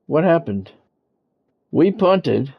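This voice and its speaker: Very slow and sing-song, this American streamer's fairly high voice is husky with vocal fry. He talks casually and bluntly between play-by-play of his game, with music behind a dull lo-fi recording.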